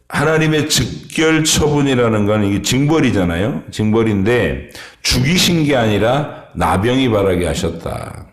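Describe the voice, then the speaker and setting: A man preaching an early-morning sermon as pastor, speaking in a halting way with many pauses and fillers. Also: fairly low pitch, roomy sound. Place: church sanctuary.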